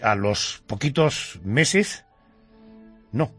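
Interviewer guy, husky, voice jumps up and down a lot, faint music under. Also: medium pitch, very animated, extremely slow, a bit bright, no echo. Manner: asks questions, sums up facts.

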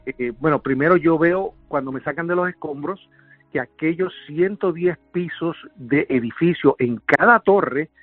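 A man's voice: on the high side, no room sound. A man giving an emotional first-person survivor's account in an intense, vivid way. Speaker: survivor interviewee. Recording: tinny phone line.

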